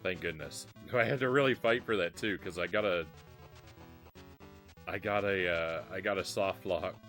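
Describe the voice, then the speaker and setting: Chatting casually on a live stream between retro games, a man speaks at a normal speed in a low voice with a fairly bright tone. He rambles in a self-deprecating way and often restarts his sentences, with faint music underneath.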